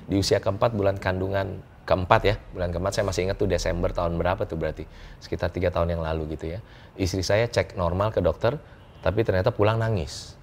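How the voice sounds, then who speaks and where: An Indonesian business coach tells personal stories in a casual interview, lively and joking, chuckling often and mixing in English words. His voice sits low with vocal fry, he talks fast, and there is a little hiss or hum.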